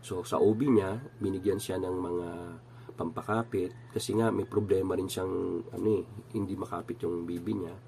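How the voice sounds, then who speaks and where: Middle-aged man, nasal with a cold, low voice, rambling storyteller, light hiss behind. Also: steady tone, moderate pace, creaky, mellow. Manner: rambling, with many fillers and restarts. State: has a cold. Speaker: channel host. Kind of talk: casual personal storytelling.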